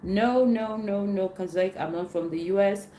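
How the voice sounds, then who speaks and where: Answering viewer questions in a casual live Q&A she hosts, a woman from Cameroon takes her time and frequently repeats herself as she searches for the right words. She has a warm, medium-pitched voice. There is a roomy echo and a faint background hum.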